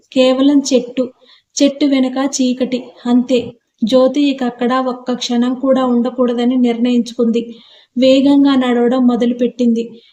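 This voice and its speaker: High, even-toned woman telling a horror story. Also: muffled recording, slight background noise. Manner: measured, suspenseful reading. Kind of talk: scripted horror story narration.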